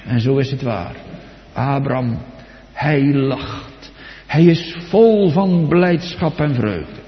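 A man preaching a sermon, dramatic and swinging between soft and loud, putting direct questions to his congregation. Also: medium pitch, slow pace. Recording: echoey hall, dull lo-fi sound.

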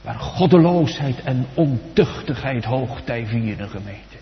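A man preaching a sermon as pastor, slowly, with sudden rises to loud, high outcries and drops to near-whispers. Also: lively intonation. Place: church. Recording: dull recording in a large reverberant church.

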